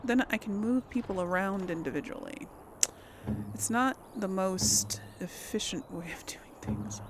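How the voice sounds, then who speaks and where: Her mid-range voice moves a little slowly as she gives relaxed commentary on her let's play, musing to herself and talking to viewers. The background is noisy, with the game's music running underneath.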